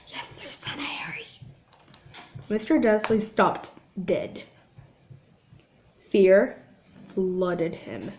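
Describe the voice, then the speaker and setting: Slow, halting woman reading aloud. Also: medium pitch, a little mellow. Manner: halting reading with frequent restarts. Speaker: channel host reading aloud.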